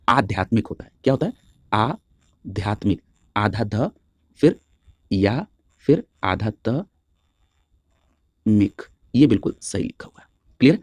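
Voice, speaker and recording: A male teacher giving an exam-prep spelling lesson, spelling words out slowly letter by letter and checking in with "clear?" after nearly every point. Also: mid-range voice, dark tone, dry recording. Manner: drills each answer, checks with a constant "clear?".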